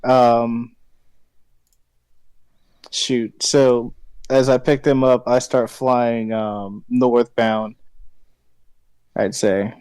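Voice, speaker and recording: A man's voice: medium pitch, little pitch movement, very slow, pauses often, darkish tone, smooth, no room sound. Hesitant man thinking aloud, dry sound. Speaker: player in a tabletop game. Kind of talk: casual game chat.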